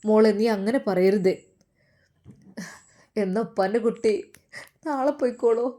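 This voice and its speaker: A woman voicing a tender, grieving father who softly comforts his daughter in a spoken story. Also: medium pitch, measured pace, lightly acted. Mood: tender, pleading. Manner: soft, comforting, pleading.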